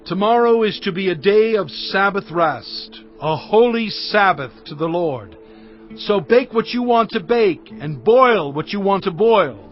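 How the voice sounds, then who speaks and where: Moses, high-pitched, declamatory and stern. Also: male voice, animated, unhurried. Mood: firm, instructing. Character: Moses, stern, commanding leader of the Israelites. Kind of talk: dramatized scripture reading. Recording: dull band-limited audio with music.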